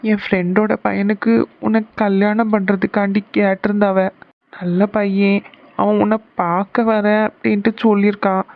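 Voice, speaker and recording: Woman as a gentle persuading cartoon aunt, mid pitch, dull lo-fi sound. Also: level tone, moderate pace, close to an everyday voice. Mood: coaxing. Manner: coaxing, explaining. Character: caring middle-aged aunt bringing a match. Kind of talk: cartoon family serial voice acting.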